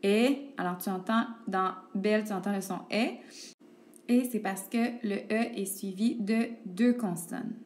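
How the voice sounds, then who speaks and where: A woman speaks at a medium pitch as she teaches young pupils letter sounds. Her pace is patient and unhurried. She spells words out letter by letter and pauses to check in with the children. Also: a little mellow. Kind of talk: recorded phonics lesson for young pupils. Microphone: tablet microphone.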